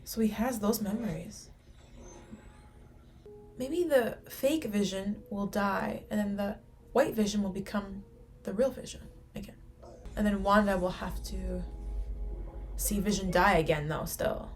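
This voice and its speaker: A woman's voice: mid-range voice, unhurried, pauses often. A woman hosting a casual reaction video, speculating aloud to her viewers and gasping and exclaiming at the screen. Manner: excitable, gasps and exclaims at the screen.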